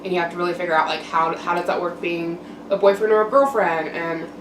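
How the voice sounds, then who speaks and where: A woman's voice: on the low side, steady tone, fast talker, fairly bright tone. Young woman vlogging, distant and echoey. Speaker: mukbang vlogger. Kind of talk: casual personal monologue to camera. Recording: roomy echo, distant mic, background noise.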